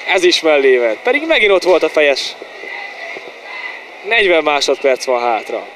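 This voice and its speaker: A man giving excited, partisan live football commentary in short exclamations and repeated player names, as a home-side commentator. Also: on the high side. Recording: noisy outdoor stadium sound.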